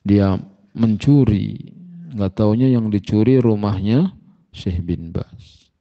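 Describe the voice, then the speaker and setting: A man preaching as an Islamic teacher, telling stories with emphatic jumps in pitch. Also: takes it slowly. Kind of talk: sermon. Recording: muffled lo-fi recording.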